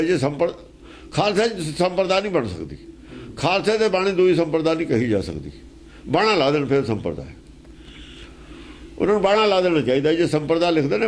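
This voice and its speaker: A man's voice: on the high side, a little hiss or hum. A man teaching scripture in an emphatic, argumentative way, asking pointed rhetorical questions. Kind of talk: explaining scripture verse by verse.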